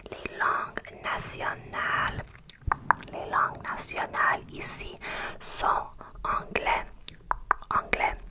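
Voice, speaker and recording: A young woman from Canada, whose first language is English, whispers a slow ASMR ramble in an English Canadian accent and often pauses to find her words. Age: young adult. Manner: hesitant, pauses to search for French words. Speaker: ASMR creator.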